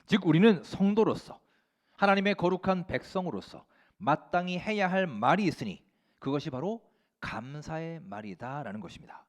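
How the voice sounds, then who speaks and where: A man's voice: a little high, expressive, normal speed. A man pastor delivering an earnest Sunday sermon in a church, full of rhetorical questions and exhortation. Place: church sanctuary.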